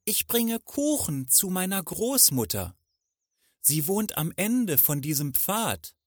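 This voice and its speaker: A man voicing an excitable little girl in a fairy tale, speaking in a high, bright childlike voice. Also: takes it slowly, no room sound, studio quality, exaggerated voice. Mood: anxious.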